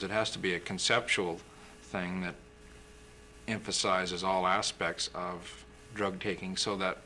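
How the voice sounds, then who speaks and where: A young man with a low voice and a bright, forceful edge explains things in a steady, measured way as a studio interview guest. A faint hiss of old TV film sits under his voice. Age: young adult. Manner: measured, explanatory, occasional throat-clearing. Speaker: physician guest. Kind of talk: interview answers.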